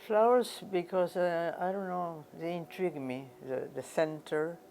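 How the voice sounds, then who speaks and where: Over slight background noise, an older woman from Argentina answers interview questions about her work as a painter in a fairly low, mellow voice. Her answers are reflective and slow, with frequent pauses to search for words and repeated phrases.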